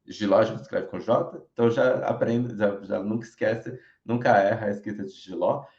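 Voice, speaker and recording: A Brazilian man teaching French in an online lesson, speaking clearly and modelling each sound slowly so learners can repeat it. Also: fairly low pitch, a little mellow. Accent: Brazilian Portuguese. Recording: roomy, dull lo-fi recording.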